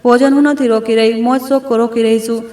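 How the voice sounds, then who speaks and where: A woman voicing a pregnant young wife who speaks firmly and in a measured way. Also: fairly high pitch, steady tone, warm tone, close to an everyday voice. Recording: echoey room.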